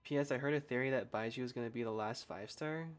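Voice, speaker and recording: A woman's voice: a bass voice, fast. A woman giving casual, slangy, exclaiming commentary while playing a video game. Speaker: gamer reacting to game story. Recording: game music underneath.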